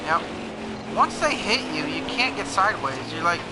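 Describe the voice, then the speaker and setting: Higher-pitched excitable man over racing engines. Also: moderate pace. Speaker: gaming video host. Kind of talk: casual gameplay commentary. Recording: clear engine noise under voice. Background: racing game car engines.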